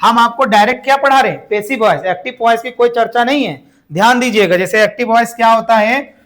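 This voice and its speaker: A man with a fairly high voice and an Indian accent teaches English grammar to his class. He stretches out the example sentences slowly and keeps asking students to say them back. He addresses them as "brother" and "dear". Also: a bit bright. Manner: drills phrases slowly and asks the class to repeat.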